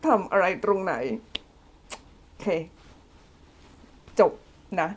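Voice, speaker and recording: A woman teaching English in a casual way, slowly explaining a song line by line, playfully flustered and giggly. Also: a little hiss or hum. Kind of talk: casual song translation lesson.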